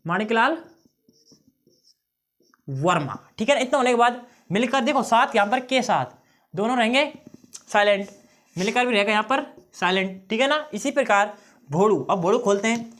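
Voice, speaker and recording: A man's voice: sits high, expressive, normal speed, long pauses, a bit bright. A male teacher giving an exam-prep lesson on memory tricks, often checking in with his students and repeating key phrases.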